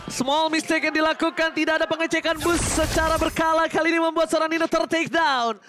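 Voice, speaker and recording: High-pitched, dramatic Indonesian esports announcer man. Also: a little fast, noisy background. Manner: excitable, dramatic, punctuated with English catchphrases. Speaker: esports match commentator. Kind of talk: fighting game announcer style live commentary. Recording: loud music behind the voice.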